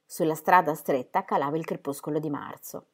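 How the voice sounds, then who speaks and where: Calm woman reading a novel aloud. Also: low-pitched, brisk. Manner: calm, even storytelling. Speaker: audiobook reader. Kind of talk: scripted narration.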